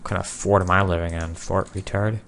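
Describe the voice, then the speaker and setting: A young man casually commenting on his own gameplay, joking and sarcastic, with sudden loud outbursts. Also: low-pitched, fairly even intonation, fairly quick, creaky, slight background noise. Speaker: gameplay video creator.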